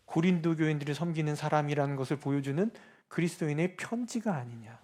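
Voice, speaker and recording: High-voiced male pastor preaching. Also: fast. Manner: asks many rhetorical questions of the congregation; swings from soft low asides to loud emphatic declarations. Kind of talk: sermon.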